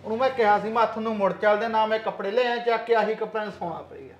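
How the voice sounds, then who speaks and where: A man's voice: sits high, rapid-fire, highs cut off, soft background music, lightly acted. A man playing a callous, greedy son-in-law who talks in a pushy, dismissive way in a village short film.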